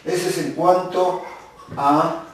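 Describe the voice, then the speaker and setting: Slow, deliberate male teacher in echoey room. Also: sits high, fairly even intonation, slight background noise. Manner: slow, deliberate, repeats words for dictation. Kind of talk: classroom grammar lesson. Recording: very echoey, distant mic.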